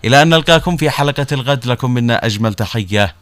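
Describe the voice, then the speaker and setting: A man with a Yemeni accent hosting a live radio quiz show in a hesitant, halting way. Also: medium pitch, fairly bright tone. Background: music.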